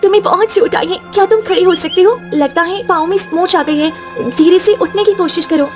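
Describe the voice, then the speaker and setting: Woman doing shy young village girl, very high voice, gentle, guarded, cartoon, faint music. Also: a little fast. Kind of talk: Hindi cartoon voice acting.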